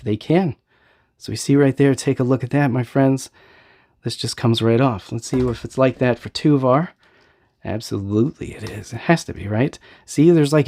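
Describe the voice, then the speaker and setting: A man's voice: medium pitch, darkish tone. A man hosting a casual toy unboxing review, talking with enthusiasm, rambling a little and often asking "right?" as he goes.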